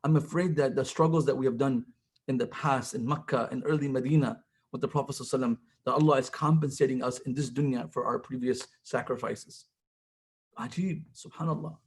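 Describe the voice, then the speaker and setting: A man with a husky, middle-pitched voice leads a college Islamic study circle. He retells old stories with quoted speech, slips Arabic phrases and verses into his English, and builds to emphatic passages. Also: fairly even intonation, fast talker. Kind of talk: storytelling religious talk.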